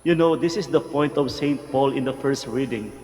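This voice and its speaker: Filipino priest with cathedral echo. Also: male voice, mid-range voice, a little mellow, a little hiss or hum. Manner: slow, earnest preaching with a sung-out reading. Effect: church hall echo. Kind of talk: homily at Mass. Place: large church. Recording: long reverb of a large church.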